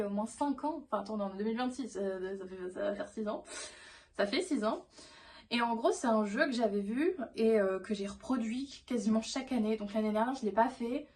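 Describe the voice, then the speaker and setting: This young woman's vlog voice is fairly high and slightly mellow. Chatty and eager, she wanders from point to point, often using fillers and starting sentences over.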